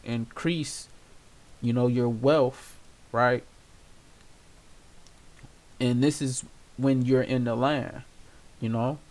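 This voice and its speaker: A man leading an informal Bible study, reading scripture aloud and explaining it casually with many fillers. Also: mid-range voice. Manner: casual and conversational, many fillers and "you know"; reads scripture aloud in old-style wording. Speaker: Bible teacher.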